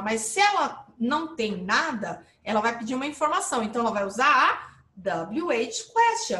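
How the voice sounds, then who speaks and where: Lively woman teaching an English lesson. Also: high voice, reverberant. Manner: lively, explains with rising and falling emphasis, checks in with viewers. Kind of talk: live online English lesson.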